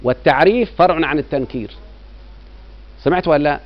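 Egyptian male grammar teacher, middle-aged, higher-pitched voice, keeps quizzing his class, dull lo-fi sound. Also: quick pace. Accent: Egyptian Arabic. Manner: keeps quizzing students with rhetorical checks. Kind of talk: classroom lecture. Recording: dull lo-fi recording.

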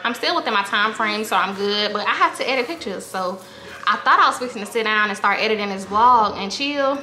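A woman's voice: mid-range voice, brisk, sharp tone. A woman in her thirties chatting casually to the camera in a family vlog, talking to viewers as y'all and joking about her chores at home. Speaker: family vlogger. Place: home kitchen, indoors. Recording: echoey room with background noise.

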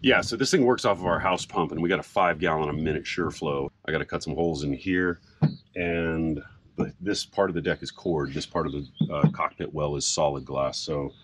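A middle-aged man casually explaining a boat project outdoors in a sailboat cockpit, relaxed and rambling with frequent fillers. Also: a bass voice, brisk. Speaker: sailboat owner and vlogger. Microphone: camera on a mount a few feet away. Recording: outdoor recording with background noise.

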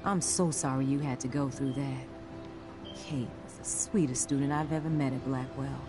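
A woman voicing an earnest, caring science teacher in a video game, speaking in a measured, explanatory way. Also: a bass voice, fairly even intonation, music in the background. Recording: game audio under a livestream, with background noise.

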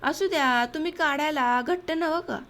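Woman narrator doing a gruff, teasing village man, high voice, audiobook dialogue. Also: moderate pace, a bit bright. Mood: blunt. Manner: blunt, bossy village talk.

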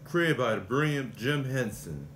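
Young man, bright lively voice, introducing switched impression voices on a home camera with faint noise. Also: mid-range voice, measured pace, echoey room. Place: small room at home, indoors.

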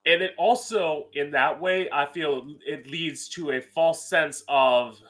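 A male drag queen host with a slightly high, bright and forceful voice. He speaks in a campy, opinionated way, delivering an emphatic solo monologue close to a studio mic at home. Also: takes it slowly. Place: small room at home, indoors. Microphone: close studio mic on boom arm with pop filter.

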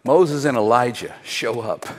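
Male preacher, mid-pitched, slow rhetorical sermon style with long pauses, captured with lingering hall reverb. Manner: rhetorical questions, dramatic pauses. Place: church hall.

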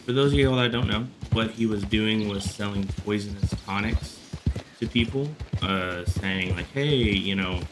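A man's voice: fairly low pitch, steady tone, moderate pace, over music. A man in his thirties giving casual gameplay commentary as a streamer, close on a headset mic in a small room. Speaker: game streamer. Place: small bedroom, indoors.

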